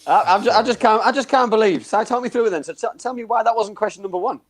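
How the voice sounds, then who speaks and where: A man's voice: high voice, fast. A man co-hosting in casual, matey banter, often repeating his phrases. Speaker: co-host.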